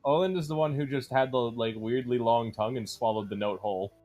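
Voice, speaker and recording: A man's voice: medium pitch, fast talker, a little mellow, soft background music. A man narrating as game master, loose and easygoing, with lots of fillers.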